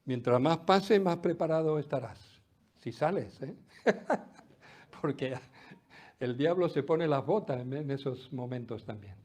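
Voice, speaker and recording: A middle-aged man preaching a sermon, swinging loud exclamations to hushed, almost whispered asides. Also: medium pitch, a little slow, long pauses. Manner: lively preaching with sudden drops to near-whisper. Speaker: pastor.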